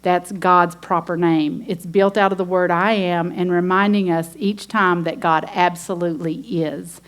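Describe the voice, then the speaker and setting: A woman's voice: lowish voice, fairly even intonation, measured pace. A woman teaching a women's ministry sermon, earnest and emphatic, reading scripture aloud.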